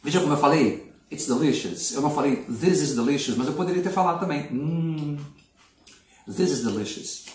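A middle-aged male English teacher explaining grammar in a casual video lesson, patient and clear, with slow model sentences. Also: fairly high pitch. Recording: echoey room, mic at a distance.

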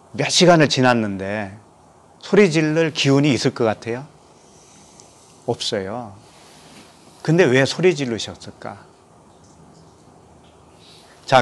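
A man from Korea, a pastor, preaching a sermon, reading scripture aloud and asking his listeners questions. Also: medium pitch. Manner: asks the congregation questions and reads scripture aloud.

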